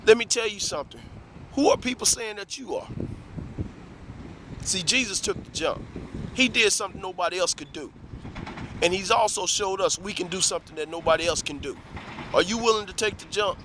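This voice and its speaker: Man, motivational vlogger, fairly high, forceful, preaching with faint traffic behind. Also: a little fast, pauses often. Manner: preachy, rhetorical questions, repeats "let me tell you something". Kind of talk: motivational talk to camera.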